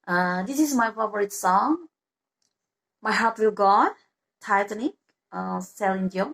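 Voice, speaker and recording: A woman's voice: medium pitch, creaky, a bit bright. A woman vlogger giving casual tips to her viewers, talking chattily with many hesitant fillers and restarts. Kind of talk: casual tutorial talk to camera.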